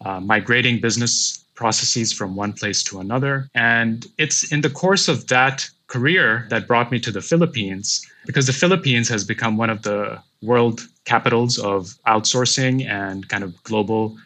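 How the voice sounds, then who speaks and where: A man in his thirties from Pakistan, a podcast guest, talking about his path in a reflective, measured way. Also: medium pitch, pushed and bright. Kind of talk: casual interview.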